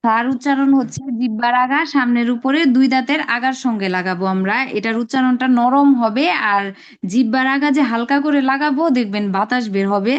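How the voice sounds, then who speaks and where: A woman with a high voice leads an online lesson, explaining patiently step by step. She stretches each sound she demonstrates. The call audio is dull and lo-fi. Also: brisk. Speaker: Arabic pronunciation teacher. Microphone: video call.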